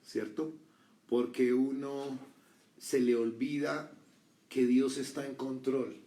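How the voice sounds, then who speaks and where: A man's voice: medium pitch, flat delivery, takes it slowly, warm tone. A middle-aged man preaching a sermon in a casual, conversational way, full of rhetorical questions and little acted-out quotes. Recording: echoey room, voice from a distance.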